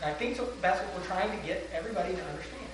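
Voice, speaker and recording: A man's voice: high voice, very fast. A man talking earnestly and emphatically in a church meeting debate, speaking through a face mask. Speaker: church member. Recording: very echoey room, distant mic, faint noise.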